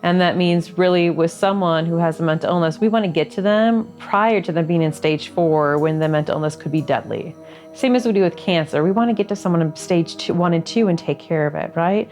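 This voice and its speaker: Informative woman advocate, lowish voice. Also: fairly quick, a little mellow, soft background music. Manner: clear, informative. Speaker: mental health advocate. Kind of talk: documentary interview.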